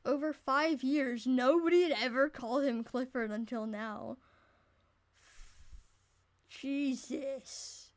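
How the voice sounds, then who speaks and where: A woman's voice: high voice, fairly even intonation, takes it slowly, pauses often. A woman reading a visual novel aloud, stumbling over words and breaking off to joke and swear. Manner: reads aloud with many restarts, breaks off to comment and swear. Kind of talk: casual let's-play narration and chat.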